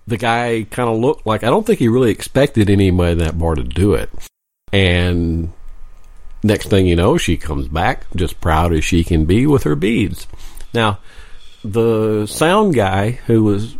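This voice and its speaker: A man's voice: on the low side, darkish tone, no echo. A man co-hosting a podcast, telling a story in a wry, joking way. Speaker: podcast co-host. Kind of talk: casual storytelling chat. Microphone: podcast microphone.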